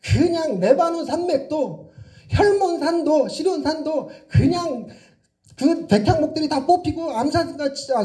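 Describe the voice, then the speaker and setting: A man's voice: very high voice, dark tone. A middle-aged male pastor giving a playful sermon in a church, teasing his congregation and acting out different tones of voice. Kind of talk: lively sermon with acted voices. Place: church sanctuary.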